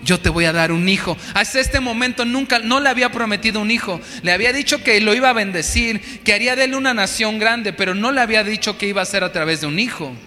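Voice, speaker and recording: A man's voice: sits high, fast talker, hardly any pauses, bright, forceful tone. A man preaching a sermon as a pastor, earnest and repetitive, asking his listeners rhetorical questions. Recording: long hall reverb with faint music.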